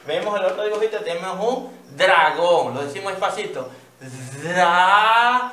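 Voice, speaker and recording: Man, teacher, children's reading lesson, high voice, patient, echoey room. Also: a bit bright. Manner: patient, repeats "¿ya?" and sounds words out slowly.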